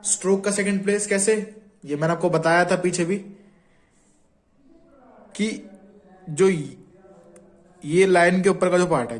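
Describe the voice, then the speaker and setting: A man with a fairly high voice gives a shorthand lesson. He is patient and repetitive, saying each sound aloud as he draws the strokes and checking in with viewers as he goes. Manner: patient, repeats sounds aloud while writing; often checks in with "ठीक है". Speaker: shorthand teacher. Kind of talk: Hindi tutorial explaining strokes.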